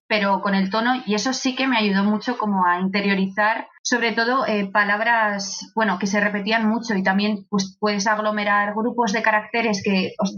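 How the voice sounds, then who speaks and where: A woman's voice: mid-range voice, a bit bright. Spanish woman guest on dull lo-fi audio. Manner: reflective, explains step by step with fillers. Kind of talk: casual podcast chat.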